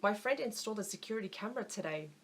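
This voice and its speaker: A woman's voice: medium pitch, lively intonation, racing, natural voice. A woman voicing an anxious young man in an audiobook narration, speaking in an uneasy, earnest way. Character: anxious young man telling his story.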